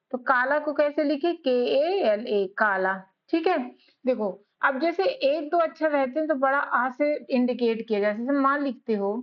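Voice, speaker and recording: A young woman hosting an online lesson, talking in a patient, repetitive way and often checking in with her students. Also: high voice. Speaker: English teacher, channel host. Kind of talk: casual online tutorial lesson. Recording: dull lo-fi sound.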